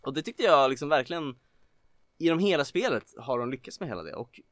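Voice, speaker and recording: A man co-hosting a casual chat about video games, rambling with lots of filler words and getting excited. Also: fairly high pitch, no room sound, studio quality. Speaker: podcast co-host.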